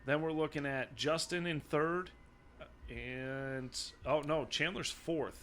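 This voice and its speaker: A man co-hosting a casual podcast, his voice sitting a bit high and sounding bright and forceful. He talks emphatically, pushing his points harder and louder as he warms up. Faint noise hums behind him. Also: slow pace. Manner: emphatic, builds up loudly when excited. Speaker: podcast co-host. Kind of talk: casual fantasy football chat.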